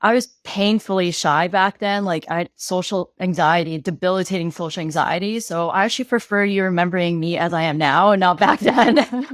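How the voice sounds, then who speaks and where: Low-voiced woman vet guest, dry sound. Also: no room sound. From Hong Kong, raised in Syria and Lebanon. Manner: measured, explains carefully. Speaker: veterinarian guest. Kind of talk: casual interview chat.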